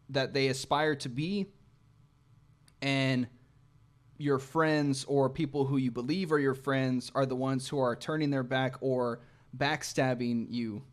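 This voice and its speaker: A man hosting a music reaction, thinking aloud as he analyses the lyrics and meaning of each song, with occasional restarts. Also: mid-range voice. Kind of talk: reflective song breakdown.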